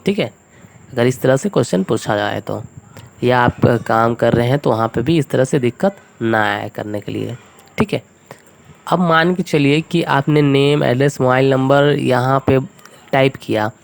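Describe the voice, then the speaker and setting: Gravelly-voiced man teaching a spreadsheet lesson. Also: mid-range voice, moderate pace. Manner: patient, step-by-step, frequent check-ins. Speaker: computer tutor. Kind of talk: screen-recorded software tutorial.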